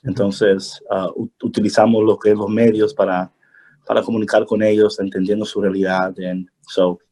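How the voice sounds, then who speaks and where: A man's voice: fairly low pitch, flat delivery, normal speed, mellow. A man from Brooklyn who introduces himself on a video call, laughing and dropping English fillers into his talk. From Brooklyn, New York, USA. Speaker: media director for a religious order.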